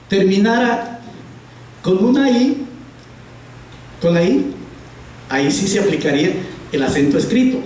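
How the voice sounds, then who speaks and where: Heard from afar in a very echoey room with faint hiss, a man teaches grammar in a house-of-prayer classroom. He patiently poses questions and repeats what the class answers, his voice sitting high with a darkish tone.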